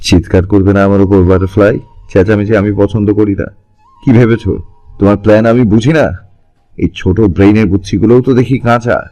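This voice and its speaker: A man playing a possessive, teasing young lover in an audio drama, speaking low and controlling. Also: brisk, dark tone, dull audio, soft background music, lightly acted. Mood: stern. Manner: low gravelly teasing tone, mixes English endearments.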